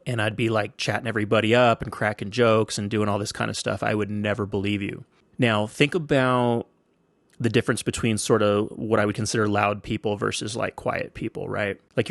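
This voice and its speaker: A man's voice: fairly low pitch, vocal fry, a bit bright, no echo, clean studio sound. A man in his forties hosting a podcast, telling casual stories in a laid-back, slangy, rambling way. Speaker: podcast host. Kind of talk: casual storytelling monologue.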